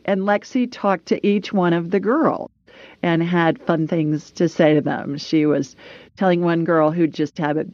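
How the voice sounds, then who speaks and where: A woman's voice: on the low side, no echo. A woman hosting a call-in show in a casual, chatty way, recorded with slightly dull sound. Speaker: host of a psychic call-in show.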